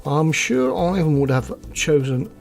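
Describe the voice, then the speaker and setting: Male co-host, a bit high, gravelly tone, jokey and chatty, faint music under him. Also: big pitch swings, unhurried. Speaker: podcast co-host. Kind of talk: casual chat, reading out viewer comments.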